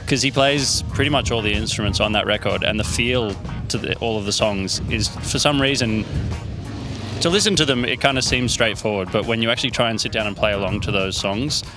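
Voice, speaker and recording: A man's voice: fairly low pitch, a little fast, music in the background. A man in a band, chatting loosely in an interview with many restarts. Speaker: band drummer, guest. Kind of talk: casual interview chat.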